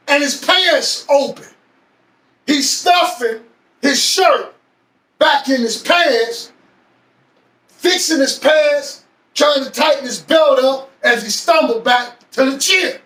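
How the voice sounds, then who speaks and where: A man telling a personal story in a slow, deliberate way with long pauses. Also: very high voice, fairly bright tone. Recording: echoey room, far from mic.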